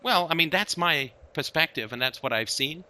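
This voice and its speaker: A man's voice: a little high, animated, normal speed, sharp tone, slight background noise. A man hosting a casual conversation, talking emphatically and often checking in with "right?". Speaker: host.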